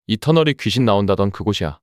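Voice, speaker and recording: A man's voice: fairly low pitch, expressive, fast talker, dry recording, clean studio sound, close to an everyday voice. A man acting a teasing, easily rattled thrill-seeker in a horror story.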